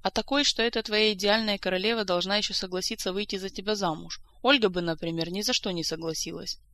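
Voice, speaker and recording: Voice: medium pitch, fairly even intonation, quick pace, sharp tone. An audiobook reader voicing a sardonic, sullen prince, a grown man in a fantasy tale. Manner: gloating, then sullen.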